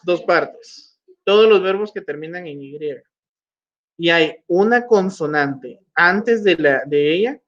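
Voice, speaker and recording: A man with a slightly high voice explains grammar rules at a very unhurried pace. He repeats each point patiently and models words one by one. The recording sounds muffled and lo-fi. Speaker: English teacher. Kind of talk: slow classroom explanation. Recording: dull lo-fi recording.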